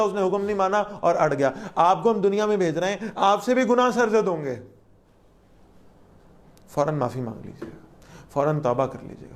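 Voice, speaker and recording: A woman's voice: on the low side, a little hiss or hum. Woman teaching Quran. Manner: explains verse by verse, recites Arabic then translates; lively, asks the listeners questions. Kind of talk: Quran lesson.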